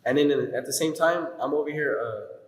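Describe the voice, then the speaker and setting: A man's voice: fairly high pitch, a little fast. A young man being interviewed as a rapper, chatting casually in slangy, profane skater-dude style in an echoey room. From Tulare County, California. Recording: echoey room with long reverb.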